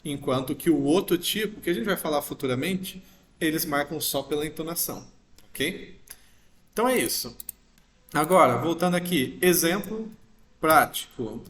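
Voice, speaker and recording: A man's voice: fairly high pitch, expressive, moderate pace, a bit bright. A man teaching a grammar lesson, patiently explaining step by step and checking in with his listeners often. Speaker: English teacher. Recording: roomy echo.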